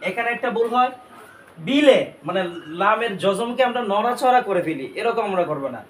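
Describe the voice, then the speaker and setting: High-voiced man teaching Quran recitation. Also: expressive, echoey room, far from the mic, heavy background noise. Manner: explains pronunciation, then recites phrases slowly and drawn out. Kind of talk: step-by-step recitation lesson.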